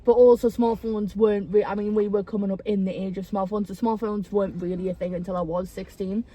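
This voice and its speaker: A woman's voice: mid-range voice, quick pace. A woman in her twenties hosting a podcast, telling blunt, sweary stories in casual chat. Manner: blunt, sweary, animated storyteller. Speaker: podcast host.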